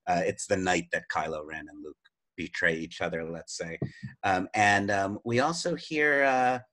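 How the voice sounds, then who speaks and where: A man's voice: low-pitched, moderate pace, fairly bright tone. A man co-hosting a casual film-discussion podcast, steering the topics with a hesitant, filler-heavy delivery. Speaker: podcast co-host.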